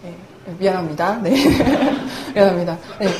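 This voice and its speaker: A woman's voice: mid-range voice, lively intonation, unhurried. A young woman preaching a humorous sermon in a chatty, self-mocking way, laughing often as she talks. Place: church hall. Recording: echoey church hall, faint room noise.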